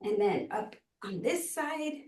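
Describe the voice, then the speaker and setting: A woman casually guiding a stretching class in a gentle, encouraging, easygoing way. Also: medium pitch, lively intonation, takes it slowly. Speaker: fitness class host. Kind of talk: casual guided stretching instruction. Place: indoor room, live online exercise session. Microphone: camera microphone at a distance. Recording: echoey room, distant microphone.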